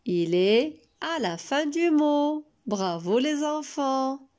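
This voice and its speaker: A woman teacher giving a recorded lesson to young children, spelling out letters and syllables slowly and praising often. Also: high-pitched, lively intonation, a little mellow. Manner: slow and carefully spelled out, encouraging. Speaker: preschool teacher.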